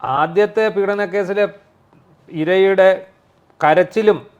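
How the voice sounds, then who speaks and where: A man's voice: high voice, takes it slowly. A man co-hosting a political talk show in a conversational, sarcastic way. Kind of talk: casual political discussion. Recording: slightly dull lo-fi sound.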